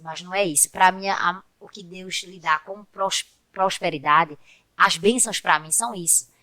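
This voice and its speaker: A woman's voice: lowish voice, sharp tone, no echo. A woman, a podcast guest telling heartfelt personal stories in a casual chat and often turning to speak to the listeners. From Pernambuco, Brazil.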